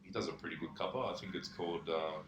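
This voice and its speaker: A man's voice: sits low, fast. A young man, a physio guest, chatting in a laid-back, sweary way with many fillers. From Australia. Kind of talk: casual podcast chat. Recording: roomy echo.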